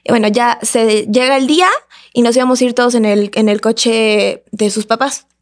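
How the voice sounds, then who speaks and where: A woman, a podcast guest telling a personal story in a casual, animated way and acting out the voices of the people in it. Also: a little high, moderate pace. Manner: animated, acts out the voices of others in her story.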